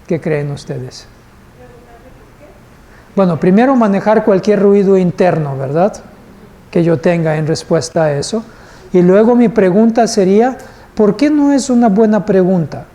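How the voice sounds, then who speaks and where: A man's voice: sits high, expressive, a little slow, long pauses, mellow. A male instructor teaching a live class, patient and asking the group questions. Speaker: course instructor.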